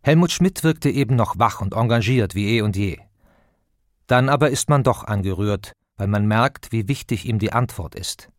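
A man reading an audiobook introduction in a measured, even studio narration. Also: fairly low pitch, dry recording.

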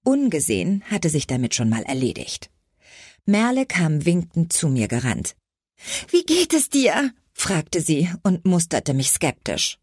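A woman reading a first-person audiobook in a measured, expressive storytelling manner. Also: low-pitched, husky, no room sound, studio quality. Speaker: audiobook narrator.

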